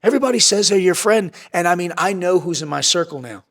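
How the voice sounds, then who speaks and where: A man's voice: high-pitched, expressive, a bit bright. A man speaking as a guest in a candid podcast interview, blunt and intense, swearing heavily and hammering points through repetition. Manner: swings between fast bursts and slower, drawn-out phrases. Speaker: podcast guest, entrepreneur and former Navy SEAL.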